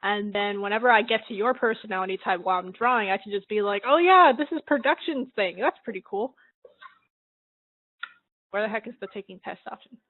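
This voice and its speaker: A woman's voice: mid-range voice, steady tone, a little fast, pauses often, no room sound. A woman hosting a drawing livestream, chatting casually and laughing often as she works. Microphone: computer mic she adjusts. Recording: narrow phone-like sound.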